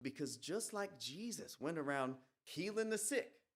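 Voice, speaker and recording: A very animated, mid-range voice takes its time as a stage performer, at a live art museum event, plays a young male soldier returned from death. He tells his story in a folksy rural dialect, and the monologue turns eerie with whispered hisses.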